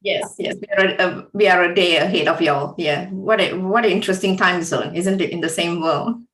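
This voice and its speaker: A woman's voice: on the low side, normal speed, fairly bright tone, echoey room, rough recording. A woman from Singapore answering interview questions, hesitant, with many ums. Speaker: guest.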